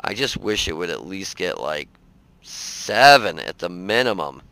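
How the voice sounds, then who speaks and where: A man's voice: low-pitched, big pitch swings, a little slow, creaky, bright, forceful tone, smooth, no room sound, poor audio. A man casually commenting on his own tank gameplay, rambling and folksy with many fillers, sounding tired. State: tired, yawning. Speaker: game reviewer.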